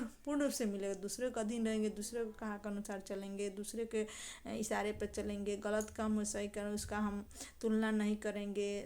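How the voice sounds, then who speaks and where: A woman teaching a grammar lesson, posing questions and answering them herself, and reciting verse examples slowly. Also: mid-range voice, a little mellow. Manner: explanatory, asks and answers own questions.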